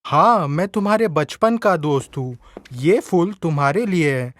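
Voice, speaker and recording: A gentle young suitor from a children's cartoon, speaking politely in a fairly high male voice. The voice is recorded dry and close, with no room sound. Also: expressive, unhurried, dry recording. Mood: tender. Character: kind young man, princess's childhood friend. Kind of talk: cartoon voice acting.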